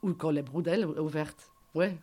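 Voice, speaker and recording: She has a deep, dark voice and talks at an ordinary speed. A native German speaker, she testifies earnestly in French as a guest whose husband is a prisoner, often searching for the right words and circling back to repeat herself.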